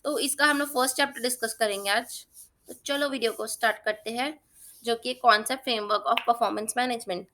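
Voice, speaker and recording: Her voice sits a little high, pushed and bright, at an even tone and normal speed, with a faint hiss or hum behind it. Teaching exam prep in a relaxed, talkative way, she draws on everyday examples and repeatedly checks in with "theek hai?"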